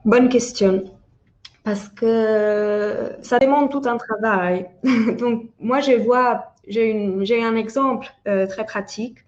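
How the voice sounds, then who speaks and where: Speaking French with an Italian accent, a parental burnout researcher from Italy presents her findings as a webinar expert, often hesitating and starting over. Her voice is on the high side and slow, with a darkish tone, and the highs are cut off.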